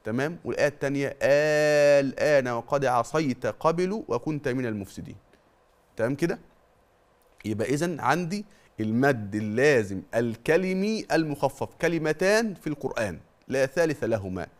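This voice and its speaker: A middle-aged Egyptian man gives a televised Quran recitation lesson in a mid-pitched voice. He quizzes the listener with quick questions and answers them himself. He draws out the long vowels slowly to demonstrate each rule. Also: expressive. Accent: Egyptian Arabic. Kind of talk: TV tajweed lesson.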